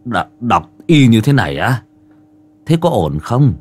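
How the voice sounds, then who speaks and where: A man's voice: mid-range voice, sing-song, a little slow, a little mellow, slightly rough. A man voicing a hesitant middle-aged village clerk who sounds incredulous. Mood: doubtful.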